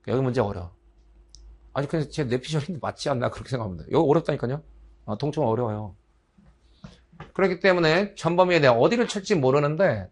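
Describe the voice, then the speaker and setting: Fast-talking chatty male lecturer. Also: medium pitch. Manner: chatty, joking, slangy, acts out little dialogues. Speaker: biology instructor for transfer exam prep. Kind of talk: lecture with casual asides.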